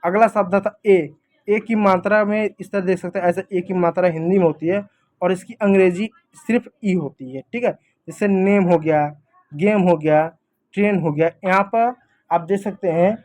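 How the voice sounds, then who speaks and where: A man's voice: sits high, darkish tone. A man teaching a simple lesson in a casual classroom manner, explaining step by step and checking in with "thik hai" often.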